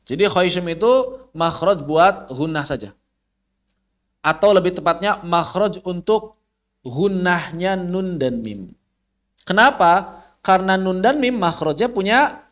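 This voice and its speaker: A man's voice: high voice, lively intonation, measured pace, pauses often, fairly bright tone. A man with an Indonesian accent teaching tajwid online, patiently demonstrating how letter sounds are pronounced.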